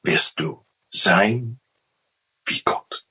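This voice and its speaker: A man voicing a sly male serpent who tempts a woman, speaking low and hushed. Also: extremely slow, slightly rough, full character voice.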